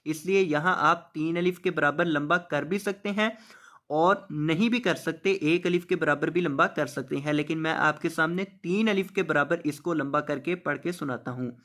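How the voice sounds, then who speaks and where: A man teaching Quran reading. He draws the verses out slowly, then explains the tajweed rules briskly and repeats each word. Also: fairly high pitch, fairly bright tone. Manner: repeats words and asks rhetorical questions. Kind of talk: tajweed lesson, slow drawn-out recitation then quick explanation.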